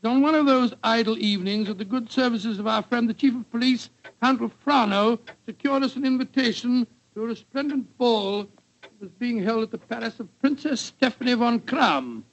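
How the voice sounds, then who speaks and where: An actor playing a genial, fussy older English doctor who reminisces, in 1940s radio storytelling style. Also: male voice, extremely high pitch, normal speed. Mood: genial, nostalgic. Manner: avuncular, fussy. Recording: muffled old 1940s radio recording.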